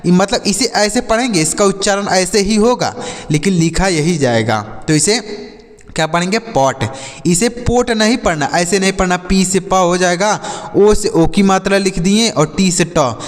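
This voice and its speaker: A man's voice: sits high, moderate pace, big-room sound. A man teaching English phonics in a patient, repetitive way, asking questions and answering them himself. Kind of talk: Hindi-language phonics lesson.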